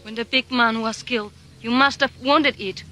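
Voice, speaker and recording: Solemn captive, grave storytelling, bright tone, 1980s action movie clip, music, birdsong. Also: female voice, a little high, steady tone, moderate pace. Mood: grave warning. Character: frightened, solemn captive woman in jungle. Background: music, chirping birds.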